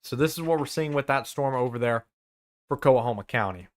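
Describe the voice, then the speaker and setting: Speaking a little fast at medium pitch, a young man covers severe weather live as a student meteorologist. He names towns with their arrival times, gives urgent warnings, and makes a few self-corrections.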